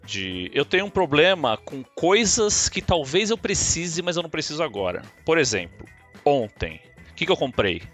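A man's voice: fairly high pitch, big pitch swings, normal speed, fairly bright tone, faint music behind. A Brazilian man in casual podcast chat, telling stories animatedly and acting out his own quotes. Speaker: podcast co-host.

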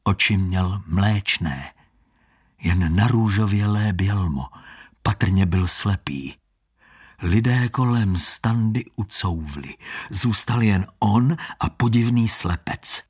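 A man narrating an audiobook story in an expressive, shifting storytelling manner. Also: on the low side, husky.

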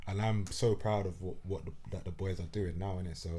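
Man, South London roadman accent, fairly low voice, casual slangy conversation. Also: steady tone, fairly quick, warm tone, a little hiss or hum. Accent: South London, urban street. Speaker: former footballer, guest. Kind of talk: casual chat.

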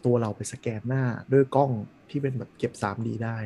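A man chatting casually on a podcast, blunt and animated, swearing freely. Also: medium pitch, quick pace. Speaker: podcast host. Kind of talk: casual chat.

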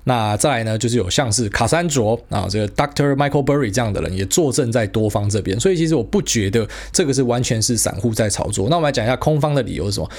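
A man with a Taiwanese Mandarin accent talks through the markets on his own podcast at a brisk clip. His voice sits mid-pitch, and his talk is casual and blunt, full of fillers and the odd swear word. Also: animated, a little mellow. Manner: fast, slangy and blunt, with frequent fillers and mild swearing. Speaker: podcast host. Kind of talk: casual solo market commentary.

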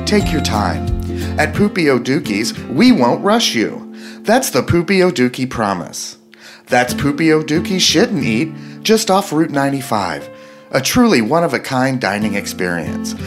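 A man's voice: mid-range voice, lightly acted. A man doing a slick, salesy commercial announcer over music. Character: upbeat male restaurant commercial announcer. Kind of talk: parody radio ad read. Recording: music bed behind.

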